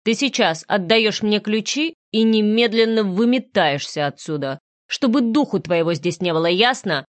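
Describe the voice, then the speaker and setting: A woman's voice: mid-range voice, animated, normal speed, few pauses, no room sound, natural voice. A hard, cold-tempered father as a woman reader puts him on in an audiobook, curt and clipped, biting off each phrase. The sound is dry and close to the mic. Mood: harsh. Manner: curt, clipped, through gritted teeth. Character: stern protective young father, harsh and cold. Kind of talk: audiobook reading.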